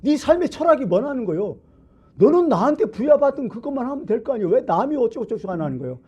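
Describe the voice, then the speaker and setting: Speaking fast in a very high-pitched voice with big pitch swings and a breathy edge, a man preaches a Sunday sermon as pastor. He chats with the congregation, poses questions, and jumps from loud emphasis to quiet asides. The highs in the audio are cut off.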